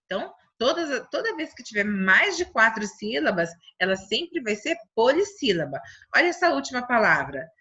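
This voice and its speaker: Bright, husky Brazilian teacher talking slowly to kids. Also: female voice, on the high side, very animated, muffled recording. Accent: Brazilian Portuguese. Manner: slow, syllable-stretching teacherly delivery. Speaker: primary school teacher. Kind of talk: remote lesson for children.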